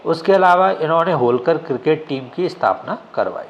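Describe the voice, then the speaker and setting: A man's voice: on the high side, normal speed, highs cut off, slight background noise. A male exam coaching teacher giving a classroom lecture. He keeps asking questions and answering them himself, often checking with "ठीक है?".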